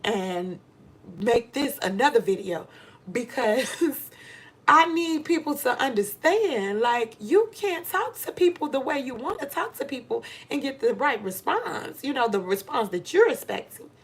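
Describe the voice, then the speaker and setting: A middle-aged American woman vlogs a frank pep talk aimed at women, her slightly rough, higher voice very animated yet measured in pace. She speaks with emphasis, repeating phrases to drive her points home.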